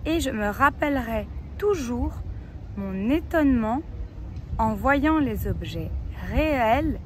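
A woman's voice: on the high side, animated. A young woman dictating a text outdoors, phrase by phrase, as a teacher would. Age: young adult. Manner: dictating slowly with repeats and spoken punctuation. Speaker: French teacher. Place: outdoors in a city park. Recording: clear outdoor street and traffic noise.

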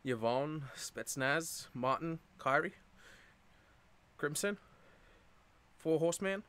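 Bright-voiced young man streaming games. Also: on the high side, slow pace, clear, resonant tone. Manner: excitable, swears often, greets chat by name. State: out of breath. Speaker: game streamer. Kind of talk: casual live-stream chat. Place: cold room at home.

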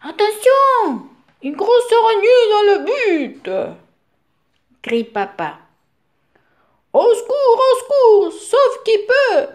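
A woman's voice: on the high side, very animated, slow pace. A woman playing a tired dad at football. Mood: mock alarm. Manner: exaggerated playful cries and alarm.

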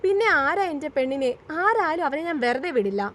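A woman's voice: high voice, sing-song, a little fast, a little hiss or hum. A woman reading as Dev, a heartbroken young husband. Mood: anguished.

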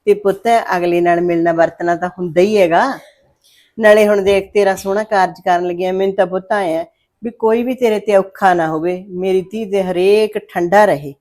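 A woman's voice: mid-range voice, steady tone, normal speed, natural voice. A woman playing a worried, scheming village mother who scolds and coaxes her daughter in a family drama. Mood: coaxing, scolding. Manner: fretful, scolding, loud when calling out. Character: scheming middle-aged village mother, worried and sharp-tongued.

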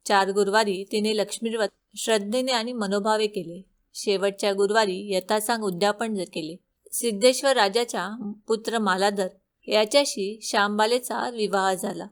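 A woman at a middle pitch narrates a devotional folk tale. Her reading is steady and measured, with short, even sentences. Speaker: storyteller.

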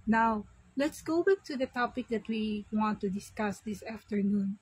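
A Filipino woman with a husky voice, talking casually to her vlog audience and mixing English with Tagalog in an unhurried way. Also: medium pitch, poor audio. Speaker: vlogger.

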